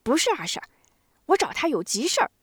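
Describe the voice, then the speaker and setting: A woman voicing a glib, jittery young man who talks his way out of trouble, lively and raised. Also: high voice, no room sound, clean studio sound, pitched above the performer's own voice. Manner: slick, fast, defensive.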